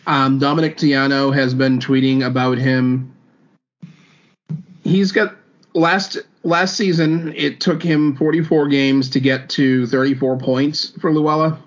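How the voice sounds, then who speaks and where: A man's voice: medium pitch, fairly even intonation, unhurried. A man with a mid-range voice co-hosts a casual sports podcast. He reels off stats and records, padding them with ums and uhs. The audio sounds somewhat dull and lo-fi. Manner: reels off stats with many fillers. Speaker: podcast co-host.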